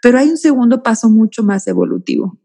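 A woman's voice: on the high side, huge pitch swings, quick pace, gravelly, dark tone. A woman, a guest explaining feelings in a reflective, teaching way and addressing the host by name. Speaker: guest speaker on emotions. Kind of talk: explanatory conversational talk.

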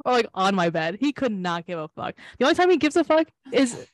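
A woman's voice: a little high, sing-song, dry recording, studio quality. A woman co-hosting a casual podcast over a video call, laughing often and swearing freely. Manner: laughing, profane, quick reactions. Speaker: podcast co-host.

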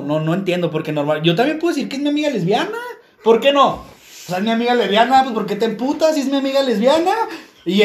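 Man, Mexican accent, high-pitched, crude teasing podcast chat, echoey room. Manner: crude, teasing, animated storyteller. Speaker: podcast co-host. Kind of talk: casual joking chat.

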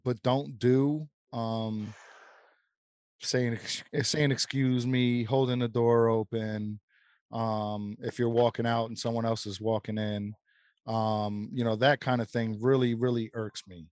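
Relaxed man on a dry mic. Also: medium pitch, takes it slowly, no echo. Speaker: podcast co-host. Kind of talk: casual chat.

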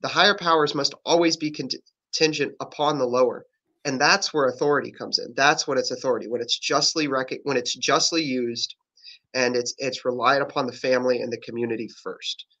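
Man, podcast guest, earnest explainer, self-correcting, bright tone. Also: mid-range voice, fairly even intonation, a little fast, muffled recording. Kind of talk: casual political discussion.

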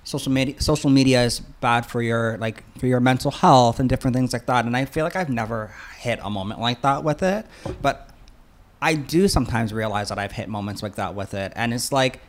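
A man's voice: medium pitch, brisk. A man with a lisp and slushy, whistling s sounds, talking casually and earnestly as a podcast co-host. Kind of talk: casual, rambling discussion.

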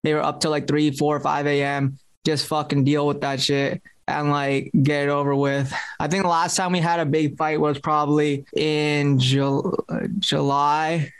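Man, casual podcast co-host, relaxed and rambling, a touch high. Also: a little slow, few pauses, smooth, no echo. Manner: laid-back, loose, heavy on "like" fillers. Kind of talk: casual chat.

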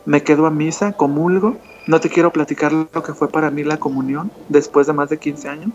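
A man's voice: fairly high pitch, steady tone, a little fast, a little hiss or hum. A man earnestly telling a personal testimony as an interview guest, calling the listener "hermanita". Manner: earnest storyteller who addresses the listener as "hermanita". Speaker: guest telling his conversion story. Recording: dull lo-fi sound with faint music behind.

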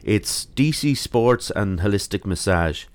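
Irish guy late 30s hosting a casual podcast, lowish, dry sound, kinda halting. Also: expressive, no echo. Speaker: podcast host. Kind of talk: casual interview.

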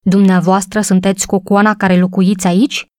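A woman reading a storybook voices a male police sergeant who speaks in a formal, calming, polite way. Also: mid-range voice, no echo, clean studio sound, lightly acted. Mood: placating.

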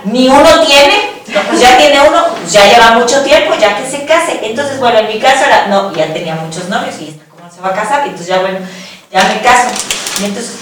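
A woman's voice: mid-range voice, a little fast, a crowd in the background. A middle-aged woman with a Mexican accent telling frank personal stories in a discussion, swearing casually and speaking with animation. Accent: Mexican Spanish. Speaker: panelist. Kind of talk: candid personal testimony in a discussion. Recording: echoey room, voice distant from mic.

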